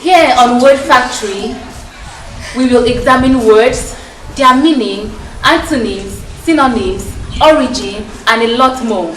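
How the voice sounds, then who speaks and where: A woman's voice: a little high, unhurried, a bit bright. A woman with a Nigerian accent presenting a scripted television segment as its anchor. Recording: echoey, distant mic, faint noise.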